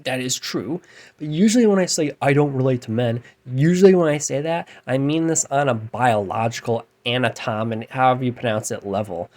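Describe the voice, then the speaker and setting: This thirty-something musician and vlogger has a light, androgynous voice at mid-range pitch and talks fairly quickly. His late-night rant wanders and turns self-deprecating and frustrated, trailing off and starting over, usually hushed but broken by loud bursts.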